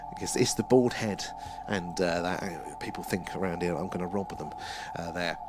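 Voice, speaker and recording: A man's voice: low voice, moderate pace, music in the background. A man with an Essex accent hosting a casual livestream, rambling and self-deprecating as he answers viewers' comments. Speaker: livestream host. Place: small room at home.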